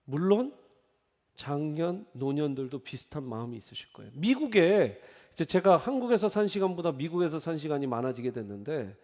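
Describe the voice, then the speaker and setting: A male pastor preaches with a fairly high voice that rises and falls widely as he tells stories. He acts out the people he quotes. A long reverb fills the church behind him. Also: brisk. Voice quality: lively storytelling with quoted voices. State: on crutches after leg surgery. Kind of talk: sermon. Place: church sanctuary.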